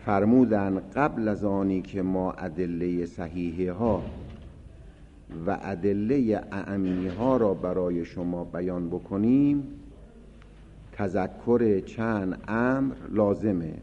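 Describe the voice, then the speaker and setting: Low-voiced man giving a seminary lecture. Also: dark tone. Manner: reads Arabic text aloud, then explains it in Persian; raises voice for emphasis while explaining. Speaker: seminary teacher. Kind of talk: seminary lecture on Islamic legal theory. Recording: dull lo-fi recording with faint hiss.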